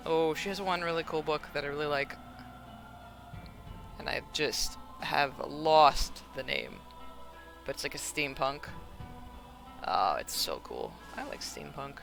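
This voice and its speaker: A young craft streamer knits alone at home and chats casually on stream, rambling a bit with fillers and laughter. Her low voice is gravelly and slightly hoarse, since she hasn't spoken for hours.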